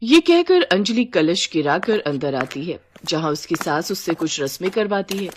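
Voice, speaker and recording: A woman narrating an animated family story in a brisk storytelling way. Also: on the low side, noisy background.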